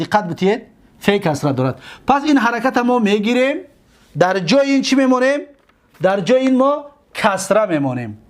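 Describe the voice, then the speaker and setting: A man with a Tajik accent teaching a grammar lesson, asking questions and answering them himself, and drawing out example words slowly. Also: very high voice. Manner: slow, drawn-out on example words.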